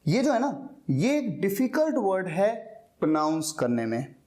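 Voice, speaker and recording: A man teaching an English lesson, explaining step by step and slowly repeating key words. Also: high voice, big pitch swings, darkish tone.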